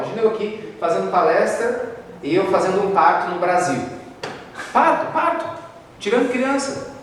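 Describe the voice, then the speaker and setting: A man from Brazil with a Brazilian Portuguese accent, giving a spiritist talk as a lively storyteller in a large lecture hall. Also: high voice. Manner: lively storyteller, acts out quoted voices. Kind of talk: spiritist talk with told stories. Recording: echoey hall, distant mic, faint noise.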